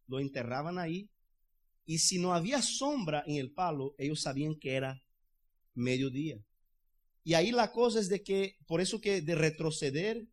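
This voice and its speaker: Male preacher, high voice, fervent and chatty, keeps checking in with the congregation. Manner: fervent, loose and conversational, often asks "¿verdad?". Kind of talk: sermon. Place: church in the United States.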